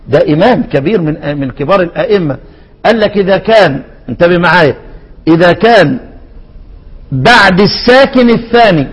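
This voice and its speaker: A man with an Egyptian Arabic accent, a teacher explaining Quran recitation rules. He keeps asking his listeners questions and answers them himself, restarting words often, and he chants the quoted words at a raised pitch. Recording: long reverb.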